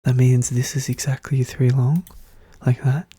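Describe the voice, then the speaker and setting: Hushed, breathy ASMR voice, very dark and soft. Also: medium pitch, unhurried, no room sound. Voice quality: hushed, soft-spoken, often whispering. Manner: calm, methodical, thinking aloud. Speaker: puzzle solver narrating own play. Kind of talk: soft-spoken ASMR puzzle walkthrough.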